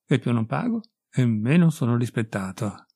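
A gruff, bitter, impoverished bearded musician, blunt and sententious, as a male reader puts him on. His voice is gravelly and dark, and the recording is close and dry. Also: mid-range voice, lively intonation, normal speed, no room sound.

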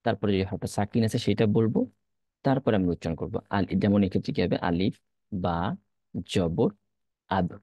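A man's voice: lowish voice, fast talker, warm tone, dry recording. A man teaching an Arabic reading lesson, patiently explaining and repeating letter-by-letter drills.

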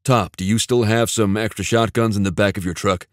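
A man voicing a brisk, steady team leader. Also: lowish voice, no room sound, clean studio sound, natural voice. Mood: commanding. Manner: brisk, commanding.

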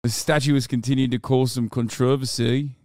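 A man's voice: mid-range voice, moderate pace, darkish tone, clean tone, no room sound, studio quality. A man in his thirties hosting a casual stream, putting on an exaggerated mock Australian accent full of crude, profane slang. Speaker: streamer host.

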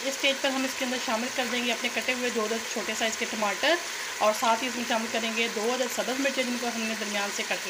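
A woman hosting a cooking channel, calmly explaining a recipe step by step in voice-over narration. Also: fairly high pitch. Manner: calm step-by-step instruction. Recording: noisy kitchen, sizzling pot.

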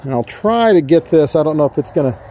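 A man walking around a rural property as he shows how he set up a network link, explaining in a plain, casual way with frequent pauses. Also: on the high side, animated, warm tone, a little hiss or hum, rough recording. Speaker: tech installer demonstrating a setup. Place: outdoors on a rural property and inside a barn office. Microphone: handheld phone camera, filming while walking.

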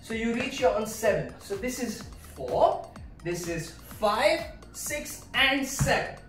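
A woman teaching a dance routine, counting beats and breaking down each move while she demonstrates, a little breathy from dancing. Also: a little high, expressive, takes it slowly, a bit bright, distant mic. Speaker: dance instructor. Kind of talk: choreography tutorial. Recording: echoey room, voice off-mic, faint music.

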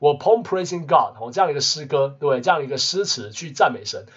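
A man teaching English vocabulary in a casual lesson, constantly adding quick tag questions. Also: a little high, lively intonation, fairly bright tone, slightly rough. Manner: peppers talk with tag questions. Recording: muffled lo-fi recording.

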